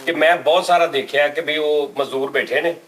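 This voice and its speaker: A man's voice: fairly high pitch, fairly even intonation, fairly quick, a bit bright, rough recording. A man with a Punjabi accent hosting a comedy interview, lecturing and probing the people he questions. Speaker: host interviewing fraudsters.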